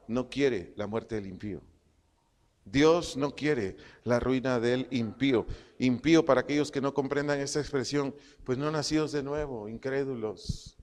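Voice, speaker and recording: A man preaching a sermon to his congregation, slow and emphatic, repeating his phrases and dictating punctuation as he teaches. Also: medium pitch, darkish tone, big-room sound. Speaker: pastor. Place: church congregation hall.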